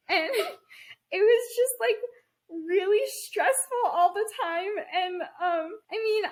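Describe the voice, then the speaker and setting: A young woman in her early twenties with a high voice, co-hosting a podcast. She tells long rambling stories in a casual, chatty way. Her humor is dry and sarcastic. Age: early 20s. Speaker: podcast co-host. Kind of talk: casual chat.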